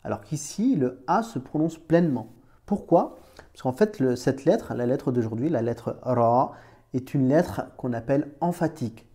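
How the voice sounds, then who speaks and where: Guy teaching arabic letters, mellow voice, talks to you like a buddy. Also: mid-range voice, lively intonation, a little slow, slightly rough. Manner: chatty, addresses the learner as "tu", many restarts. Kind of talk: informal screen-recorded lesson.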